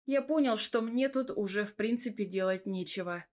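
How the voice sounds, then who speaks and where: A woman narrating a first-person audiobook in a steady, even manner. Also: medium pitch, normal speed. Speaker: audiobook reader.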